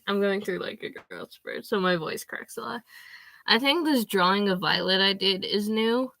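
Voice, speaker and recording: A woman's voice: mid-range voice, pushed and bright, dry recording. A teenage girl chatting casually to the camera from her bedroom, rambling with lots of fillers. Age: teens. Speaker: vlogger.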